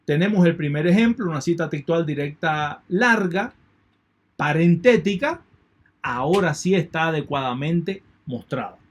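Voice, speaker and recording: Man, lecturer, methodical, repeats himself, fairly high pitch. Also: expressive, measured pace. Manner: methodical, repeats key points, thanks students. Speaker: university lecturer. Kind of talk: online lecture.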